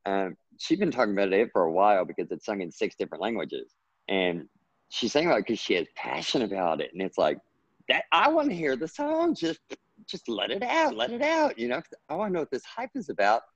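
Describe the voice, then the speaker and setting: Talking fairly quickly on a dry recording with the highs cut off, a writer from Texas with a Texan accent goes on at length as a guest in a casual interview. He's earnest, and excitement pushes his pitch higher.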